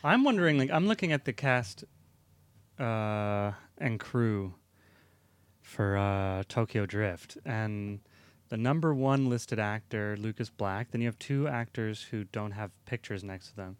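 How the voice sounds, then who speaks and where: A man's voice: on the low side, a little slow, smooth, no echo. A young man co-hosting a podcast, rambling and hesitant as he chats about a movie. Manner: rambling, hesitant, many fillers and restarts. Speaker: podcast co-host. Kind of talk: casual movie review chat.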